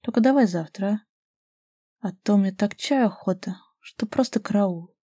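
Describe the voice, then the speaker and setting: A woman reading the part of a confident young man in love, speaking softly and calmly. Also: medium pitch, moderate pace, slightly rough, no echo, clean studio sound, lightly acted. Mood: tender teasing.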